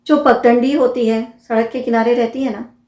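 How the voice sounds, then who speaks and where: A woman's voice: a little high, steady tone, moderate pace, mellow, echoey room. A woman with an Indian accent explains English words in casual Hindi, repeating each term and asking the listener questions. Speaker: English vocabulary teacher.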